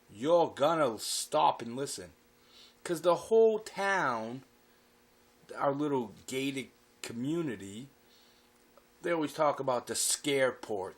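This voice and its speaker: A man telling a personal anecdote, swearing freely as he goes. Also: mid-range voice. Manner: profane, animated storytelling. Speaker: storyteller.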